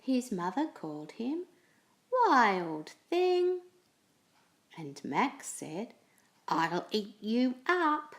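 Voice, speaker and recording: A woman's slow read-aloud of a children's picture book is expressive and full of lively pitch, like a storyteller's.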